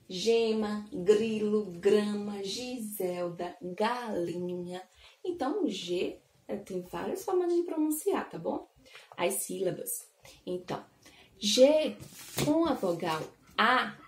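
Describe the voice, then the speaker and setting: A Brazilian Portuguese woman teaches little children, drawing each syllable out very slowly and coaxing them with questions. Her voice is soft and mellow. The recording has a roomy echo. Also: a little high. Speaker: preschool teacher. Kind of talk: slow, sing-song phonics lesson for small children.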